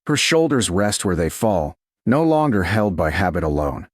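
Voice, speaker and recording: Narrating a scripted romance audiobook, a man speaks in a soft, slow, deliberate manner, with a low voice that still travels a lively, melodic range. The sound is close and dry, with no room audible.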